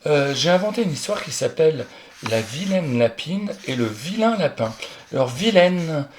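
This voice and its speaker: A man's voice: a little high, big pitch swings, normal speed, a little hiss or hum. A man teaching a young pupil, going through spelling exercises and talking straight to the child, often stopping to correct his own slips. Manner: talks directly to the child, chatty, corrects himself aloud. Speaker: primary school teacher.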